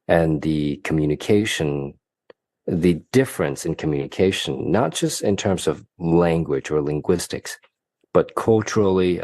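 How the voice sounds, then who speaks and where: A man from Hong Kong, a guest coach, answering interview questions in a measured, explanatory way with occasional restarts. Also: extremely low pitch, a little mellow, no echo. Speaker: guest, mind-performance coach.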